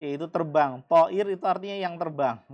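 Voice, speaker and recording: A man's voice: a little high, normal speed, lo-fi sound. A man teaching a language class, repeating and explaining each word patiently. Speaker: Arabic teacher.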